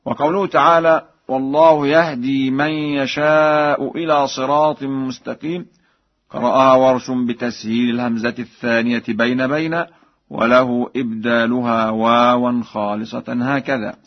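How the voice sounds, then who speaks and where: A man of middle pitch teaching Quran recitation rules over a dull, lo-fi radio broadcast. He explains each rule calmly and then chants the example slowly and melodically.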